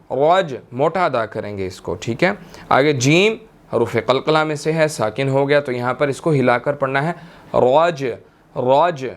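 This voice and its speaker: A man teaching Quran recitation rules step by step, patiently repeating each verse slowly. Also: a little high. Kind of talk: slow step-by-step recitation lesson.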